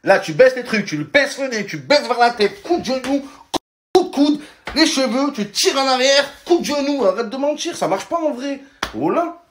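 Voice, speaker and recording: A brash, overexcited self-defense instructor, as a man plays him, barking steps in a high, pushed voice. He sounds cocky and instructive. The room is echoey. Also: very animated, normal speed, a bit bright, a little hiss or hum, full character voice.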